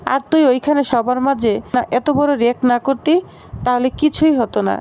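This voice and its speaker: A woman's voice: high-pitched, normal speed, a little mellow. Stern young man, read by a woman. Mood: irritated.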